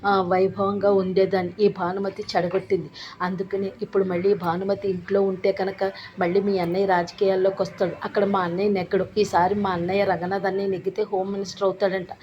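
A woman voicing a scheming, domineering middle-aged mother-in-law in a plot retelling, scolding and forceful. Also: mid-range voice, level tone, fast talker, lightly acted. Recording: dull lo-fi with faint noise.

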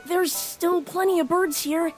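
A woman's voice: extremely high pitch, fairly even intonation, a little slow, soft background music. A woman voicing a small, meek hermit crab in a cartoon video game, hesitant and worried. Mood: anxious, meek. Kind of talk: animated video game character acting.

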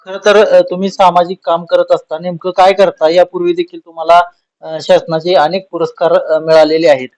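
बातमीदार पुरुष, पाहुण्याची ओळख करून देणारा, अडखळत प्रश्न विचारणारा, चढा सूर. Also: male voice, sits high, flat delivery, darkish tone, poor audio. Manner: prompting questions with filler pauses. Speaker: news reporter. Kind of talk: news interview questions.

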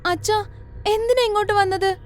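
A woman's voice: steady tone, normal speed, soft background music. Woman doing a frightened young village girl. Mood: scared. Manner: high, pleading, shrill when scared.

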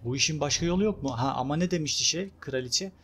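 A young man casually commenting on his own gameplay, chatty and excitable, talking to his viewers and urging on the game character. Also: a little high, quick pace, a little hiss or hum. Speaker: gameplay video host. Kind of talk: casual let's-play commentary.

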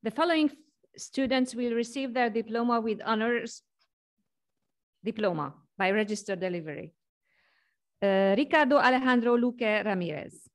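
A woman hosting a graduation ceremony, reading out names in a measured, formal way. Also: fairly high pitch. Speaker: ceremony host.

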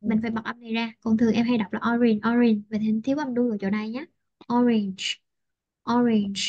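A woman teacher, patiently coaching English pronunciation over a video call, repeating words slowly. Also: fairly high pitch, fairly even intonation, dry recording. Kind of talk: online pronunciation tutoring. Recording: dry, lo-fi call audio.

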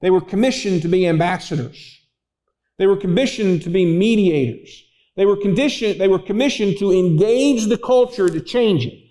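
A man's voice: sits high, moderate pace, mellow, rough recording. A man preaching a sermon as pastor, telling stories and acting out voices in them. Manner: storytelling, acts out voices in anecdotes. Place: church.

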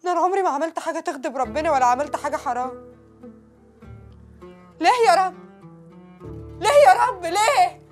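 A woman's voice: high voice, racing, faint music behind, lightly acted. A woman playing a desperate poor village mother. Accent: Egyptian Arabic. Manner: anguished pleading to God. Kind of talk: TV drama acting.

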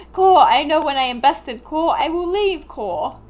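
A scheming storybook crow, put on by a woman who breaks up his boasts with croaking caws. The voice sits high, and the delivery stays playful. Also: lively intonation, takes it slowly, darkish tone. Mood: gloating. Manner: croaks caw sounds between phrases. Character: cawing scheming male crow pest.

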